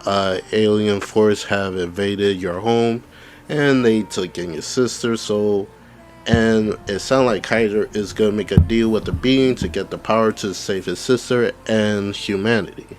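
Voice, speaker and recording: A gaming channel host who is coming down with the flu casually reads out game details and comments on them, stumbling and restarting as he goes. His voice is on the low side and a little slow.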